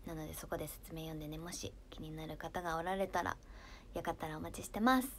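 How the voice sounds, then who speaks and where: A young woman with a Kansai accent, chatting casually on her livestream and reading viewer comments, often softening into near-whispers. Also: low voice, fairly even intonation, quick pace, slight background noise. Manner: soft-spoken, drifts into near-whispers, laughs often.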